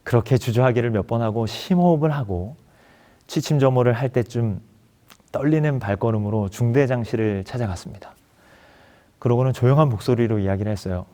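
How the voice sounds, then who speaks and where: A man's voice: medium pitch, fairly quick, mellow. A man preaching a sermon as pastor, earnestly telling a personal story and acting out its dialogue. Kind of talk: sermon testimony.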